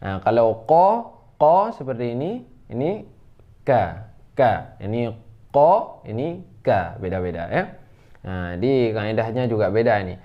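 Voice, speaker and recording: Man, Indonesian accent, Quran pronunciation lesson, slow patient drawl, chanted examples, muffled recording. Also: medium pitch, big pitch swings. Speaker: Quran recitation teacher. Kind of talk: tajwid lesson on letter articulation.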